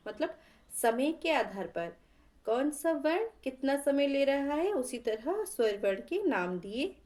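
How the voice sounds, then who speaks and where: A woman's voice: high-pitched, darkish tone. A woman teaching a lesson on vowel pronunciation, patiently explaining and repeating vowel sounds for learners to copy. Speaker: Hindi grammar teacher.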